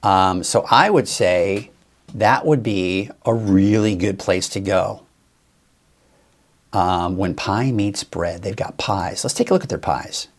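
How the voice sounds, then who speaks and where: A man's voice: low voice, slow. A man hosting a casual live weather show, chatting in a rambling way and thinking aloud with fillers. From Northern California. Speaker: weather host. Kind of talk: casual live-stream forecast chat.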